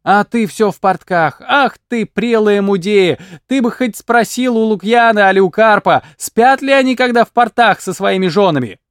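A man doing a sly, shrill peasant aunt. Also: normal speed, hardly any pauses, fairly bright tone, clean tone, no room sound, clean studio sound. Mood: coaxing. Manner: coaxing, scolding.

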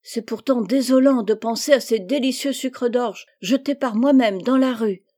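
A woman reading aloud and voicing a vain, petulant young schoolgirl in a higher, pleading tone. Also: a little slow, darkish tone, natural voice. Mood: plaintive.

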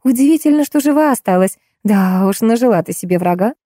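A woman voicing a brisk, sharp-tongued, gossiping theatre props woman, in a raised voice. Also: on the high side, animated, no echo, clean studio sound, voice pushed up.

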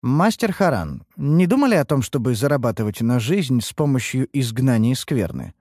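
A man's voice: medium pitch, lively intonation, warm tone, dry recording, clean studio sound, close to an everyday voice. A man voicing a businesslike young woman servant asking a practical question in a fantasy audiobook. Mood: inquiring. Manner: brisk, practical.

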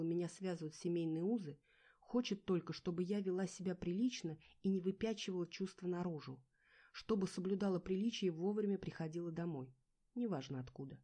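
A woman's voice: lowish voice, fairly quick, warm tone. A woman reading a first-person novel aloud with an emotive, dramatic delivery. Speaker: audiobook narrator.

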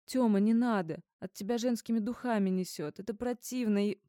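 A woman's voice: medium pitch, fairly quick, warm tone, no echo, clean studio sound, close to an everyday voice. Woman voicing a frightened pleading young woman. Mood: upset. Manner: trembling, pleading.

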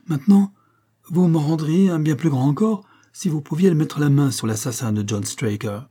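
A man reading aloud and voicing an excitable, agitated older colonel who owns a racehorse. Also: mid-range voice, moderate pace, breathy edge, lightly acted. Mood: excited. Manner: excitable, exclaiming.

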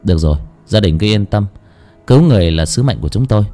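Guy doing a calm low doctor, serious and measured, storybook reading. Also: faint music behind, natural voice. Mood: grave. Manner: measured, explanatory. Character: calm middle-aged male surgeon, measured, grave.

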